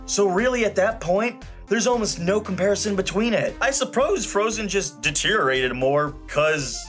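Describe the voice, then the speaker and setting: Expressive and high-pitched, with a fairly bright tone, a film reviewer speaks at normal speed through his scripted video review. He's opinionated, emphatic, sarcastic and casually profane, with music behind his voice.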